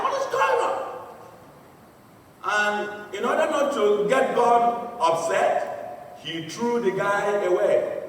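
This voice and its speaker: Male priest preaching, slow and deliberate, far off in an echoing church. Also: very high-pitched, a bit bright. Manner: storytelling, earnest. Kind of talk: sermon. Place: large church. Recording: echoey church from a distant mic.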